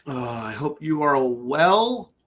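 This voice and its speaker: A man's voice: medium pitch, very animated, slow, a bit bright. A man hosting a casual morning livestream, chatty and tired after a bad night's sleep, greeting viewers and reading out their comments. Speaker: host.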